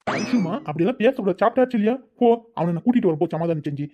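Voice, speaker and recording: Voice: medium pitch, lively intonation, rapid-fire, a little mellow, lightly acted. A voice actor playing a protective, caring elder brother in a cartoon, coaxing and soothing. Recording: dull lo-fi recording.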